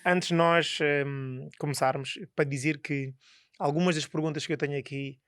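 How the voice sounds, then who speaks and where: Brief: podcast co-host, man, teasing and playful, fairly high voice, dry close sound. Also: fairly even intonation, moderate pace, fairly bright tone, no echo. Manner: teasing, playful storytelling with many fillers. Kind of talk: casual chat.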